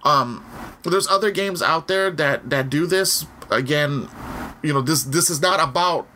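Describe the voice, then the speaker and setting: A man's voice: a little high, unhurried, sharp tone, a little hiss or hum. A man co-hosting a game review podcast in casual chat, rambling along with many fillers and repeated "again". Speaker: podcast co-host.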